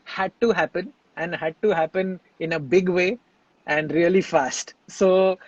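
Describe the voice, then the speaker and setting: A man talks over his singing practice in a relaxed interview. He speaks in a reflective, halting way, restarting his sentences. The sound is dry and a little dull. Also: high-pitched, no echo. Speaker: singer and composer, interview guest.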